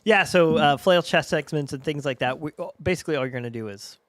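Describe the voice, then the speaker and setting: Animated young male co-host, dry sound. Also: on the high side, quick pace, no echo. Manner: animated retelling with laughs. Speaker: podcast co-host. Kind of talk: casual chat.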